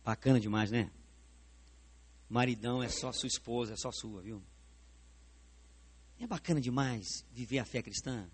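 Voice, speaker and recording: A man with a Brazilian Portuguese accent preaches a sermon in a church sanctuary, his medium-pitched voice carrying a breathy edge. He speaks at a moderate pace with long pauses, staging a live demonstration and animatedly putting questions straight to the congregation.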